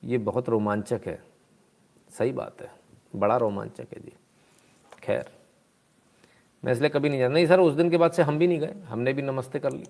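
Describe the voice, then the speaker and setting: A man's voice: mid-range voice, moderate pace, creaky, pauses often, darkish tone. A man hosting a live stream in casual commentary, exclaiming, asking rhetorical questions and reading out viewer comments.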